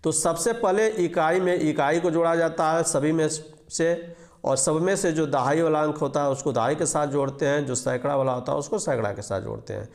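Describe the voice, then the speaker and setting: Going digit by digit through a simple arithmetic lesson, a man teaching math repeats each rule patiently and quizzes his listeners before answering. He sounds highish and creaky with a darkish tone, speaking at an ordinary pace.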